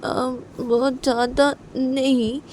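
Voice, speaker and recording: Woman doing a whining small girl, slow and high; amateur story voice. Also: level tone, a little mellow, a little hiss or hum. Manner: slow, whining, repeating herself. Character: little girl, whiny and hurt.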